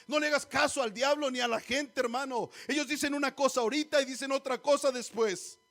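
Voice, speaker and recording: A man's voice: extremely high pitch, steady tone, fairly quick, a bit bright. A man preaching a sermon in church, exhorting the congregation, often calling them brothers and asking them rhetorical questions. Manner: exhorting, often calls listeners "hermanos", asks rhetorical questions.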